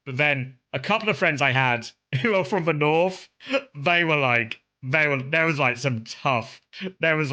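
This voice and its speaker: A man with a soft southern English accent and a bright, forward voice at an average pitch. He chats casually like a streamer, rambling conversationally through anecdotes. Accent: southern English, mild. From Kent, south-east England. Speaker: streamer chatting with viewers.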